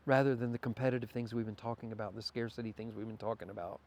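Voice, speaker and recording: Man, podcast guest, mid-range voice, thoughtful, philosophical, thinks out loud, candid interview talk. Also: medium pitch, fairly even intonation, rapid-fire. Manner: reflective, philosophical, thinks aloud with restarts.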